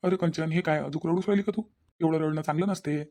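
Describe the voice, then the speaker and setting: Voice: mid-range voice, steady tone, fast, mellow, natural voice. A performer voicing a young husband in a cartoon, coaxing and pleading, caught between wife and mother, with a Vidarbha Marathi accent. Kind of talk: cartoon voice acting.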